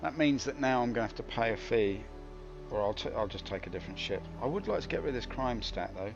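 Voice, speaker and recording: A game streamer talks fast and animatedly in a medium-pitched voice with vocal fry, and the sound is lo-fi. Streaming live gameplay over game music, he grumbles wryly and pokes fun at himself as he plays.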